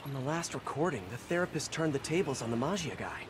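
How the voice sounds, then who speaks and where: A man's voice: on the high side, expressive, fast, noisy background, natural voice. A man playing a wisecracking young superhero. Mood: wry. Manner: quippy, rambling to himself.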